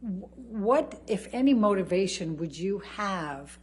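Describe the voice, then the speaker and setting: A woman lawyer putting formal, deliberate questions to a witness in a courtroom recording. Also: medium pitch, expressive, a little mellow, breathy edge. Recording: courtroom recording with faint hum and noise.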